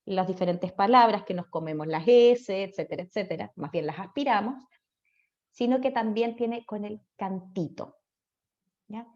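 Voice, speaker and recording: A woman with a Chilean accent gives an online class lecture on speech therapy, chatty and checking in with students through frequent tag questions. Her voice is medium-pitched and darkish, with lively intonation at a normal pace, and the audio is dull and lo-fi.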